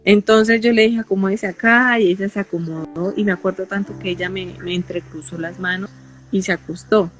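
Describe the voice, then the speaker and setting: A woman with a Colombian accent giving an emotional personal testimony in an interview, halting and repeating phrases as she goes. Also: lowish voice, fairly even intonation, faint music behind. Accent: Colombian Spanish.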